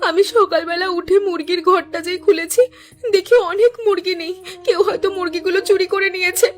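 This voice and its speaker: A woman's voice: very high voice, steady tone, brisk. A woman voicing a timid young daughter-in-law in a cartoon, crying and pleading to be believed. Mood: tearful. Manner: pleading, tearful. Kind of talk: cartoon dubbing.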